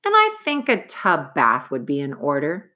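A woman's voice: sits low, huge pitch swings, moderate pace, pushed and bright, exaggerated voice. Woman voicing a formal, dignified butler. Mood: composed. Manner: formal, precise. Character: dignified, composed male butler.

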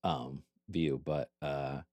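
A man's voice: extremely low pitch, steady tone, slow pace, a little mellow, dry recording. A man hosting a podcast interview, asking casual, rambling questions. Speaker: podcast host.

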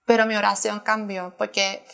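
A woman's voice: medium pitch, flat delivery, moderate pace, vocal fry, a bit bright. A woman sharing a personal testimony as a church planter in conversation, earnest and emotional, often restarting her sentences.

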